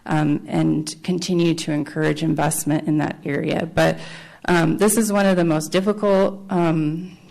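Low, creaky-voiced woman presenting. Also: steady tone, normal speed, a little mellow. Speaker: city planning staff presenter. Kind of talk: formal public meeting presentation.

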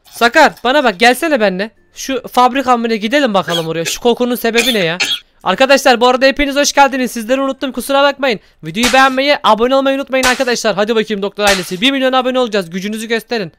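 A man's voice: very high voice, fast, background noise. A man hosting a Minecraft role-play video, narrating in an exasperated, scolding and theatrical way. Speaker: gaming youtuber host.

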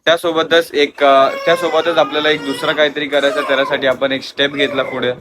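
A man's voice: a little high, level tone, a little fast. A young man narrating a casual family vlog at home on a small clip-on mic, chatting with his viewers. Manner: chatty, addresses viewers as friends. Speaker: vlogger. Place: home, indoors with ceiling fan. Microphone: small clip-on mic, also phone. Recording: home recording with clear background noise.

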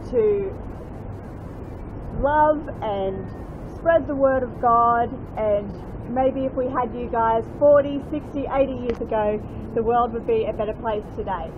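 A woman's voice: a little high, a little slow. A woman in her forties recording an earnest video message of thanks outdoors on a city balcony, filmed at arm's length. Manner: earnest, heartfelt praise. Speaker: supporter sending a video message. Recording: tinny phone-like sound with noise.

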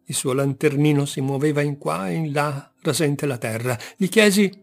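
A man reading a literary story aloud in a theatrical way, dropping to hushed murmurs and rising to loud outbursts. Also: fairly high pitch, moderate pace, gravelly. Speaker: audiobook reader. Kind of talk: dramatic literary narration.

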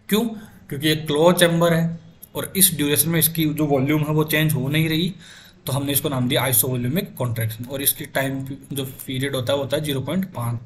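Higher-voiced man teaching a lecture. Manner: explains step by step, asking the class rhetorical questions. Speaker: medical lecturer. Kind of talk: classroom lecture.

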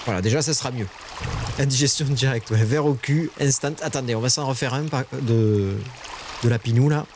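A man streaming a survival game, talking to his chat in casual live commentary and shrieking high when startled. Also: a little fast, background noise.

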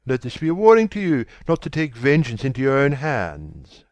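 A man voicing a refined, youthful gentleman in an audiobook, exclamatory, urgent and imperious. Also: mid-range voice, wildly swooping pitch, normal speed, no echo. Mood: stern.

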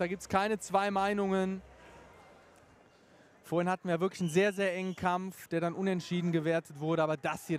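A man's voice: sits high, a little mellow, slight background noise. A man giving live boxing commentary in an emphatic, opinionated way.

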